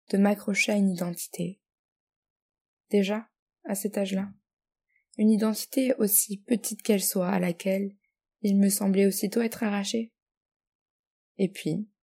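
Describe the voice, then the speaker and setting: A woman's voice: medium pitch, gravelly, mellow, slightly rough. A woman in her twenties from France, reading her own reflective text and then speaking as a guest with hesitant restarts. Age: 20s. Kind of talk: reading own poetic text, then casual interview talk.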